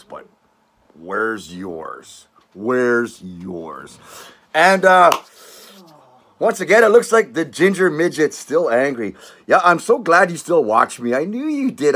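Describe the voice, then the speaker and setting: A man's voice: medium pitch, a bit bright. An older man from Canada hosting his own channel, ranting at viewers with sarcastic, mocking scorn, rambling with restarts and tag questions like "eh" and "all right". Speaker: channel host.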